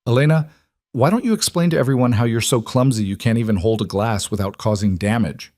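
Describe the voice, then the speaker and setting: A man's voice: medium pitch, fairly quick, darkish tone, no echo, clean studio sound, lightly acted. A man voicing a scheming, spiteful young woman who mocks with false concern, in a dramatized audiobook story. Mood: scornful. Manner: falsely concerned, mocking, scornful.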